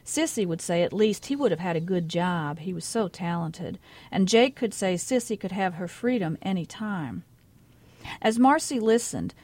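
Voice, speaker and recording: A woman author giving a measured, quiet literary reading of her own short story in a radio studio. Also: medium pitch.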